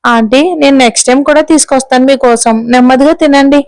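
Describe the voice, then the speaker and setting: A woman reading the part of a kind young woman who speaks gently and affectionately in an audio story. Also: sits high, fairly even intonation, brisk, no room sound. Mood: gentle.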